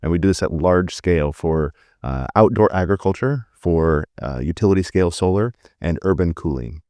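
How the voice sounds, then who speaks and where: A middle-aged man speaks as a company CEO on a panel. His voice sits very low, and he explains things in an easygoing, conversational way. The recording is dry and close. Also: lively intonation, normal speed, dark tone, no room sound. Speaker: startup CEO.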